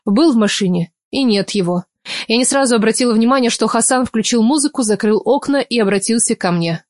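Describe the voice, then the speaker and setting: Expressive woman reading a novel aloud. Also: a little high, a little fast, dry recording, clean studio sound. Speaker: audiobook narrator. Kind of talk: first-person novel narration.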